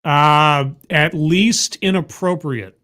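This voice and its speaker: A streamer reacts live to a video in a fairly high, pushed and bright voice, speaking slowly. He offers wry, skeptical comments and thanks viewers in his chat, all in a casual style.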